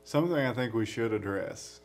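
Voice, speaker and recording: A man's voice: mid-range voice, animated, normal speed, slight background noise. A man co-hosting a podcast in casual chat, often laughing as he tells stories. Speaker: podcast co-host.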